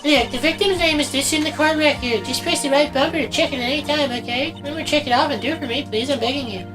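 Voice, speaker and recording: Casting: woman voicing exasperated female legal mentor in a game, high pitch, coaxing, music behind. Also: quick pace, close to an everyday voice. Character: exasperated female mentor lawyer coaching a rookie.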